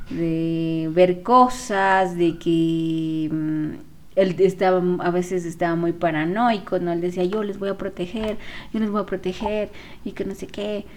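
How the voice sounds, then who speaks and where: A woman who works as a spiritual therapist, telling viewers about her past in a casual, unhurried way, with many fillers and self-corrections. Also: medium pitch. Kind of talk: casual personal storytelling to viewers.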